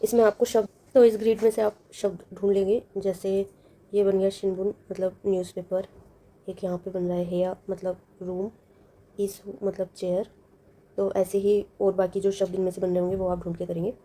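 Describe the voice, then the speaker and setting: Woman teacher, very dark mellow tone, patient step-by-step explainer, repeats words with meanings. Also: medium pitch, level tone, normal speed. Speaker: language teacher. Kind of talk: lesson walkthrough.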